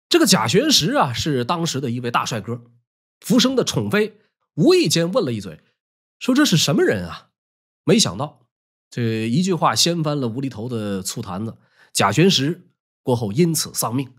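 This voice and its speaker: Man, husky voice, lively swooping pitch, wry colloquial history storytelling.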